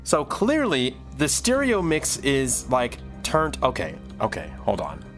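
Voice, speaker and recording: His mid-range voice swoops wildly in pitch, slow and a bit bright, as he casually talks through his work on a music livestream. The man, in his thirties, rambles and thinks aloud with soft background music.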